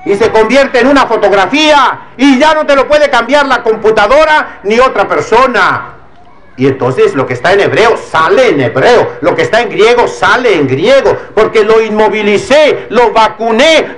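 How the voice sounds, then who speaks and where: A man's voice: sits high, a bit bright, low-quality recording. A man preaching a sermon as a priest. He scolds and admonishes, and he uses homely everyday examples.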